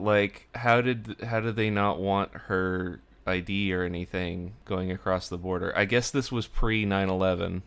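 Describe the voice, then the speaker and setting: A man's voice: lowish voice, fairly bright tone. A man casually recapping an episode of a sitcom in a chatty, wry way, often using filler words.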